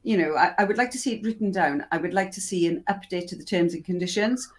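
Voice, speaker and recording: A woman's voice: on the low side, quick pace. A woman co-hosting a podcast in casual conversation, speaking emphatically and often repeating her phrases for stress. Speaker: podcast co-host. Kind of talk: casual chat.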